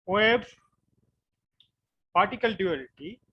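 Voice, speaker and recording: A man from West Bengal with an Indian English accent, giving an online physics class and explaining slowly with frequent repetitions. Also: high voice, expressive, slightly rough, lo-fi sound. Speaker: physics lecturer.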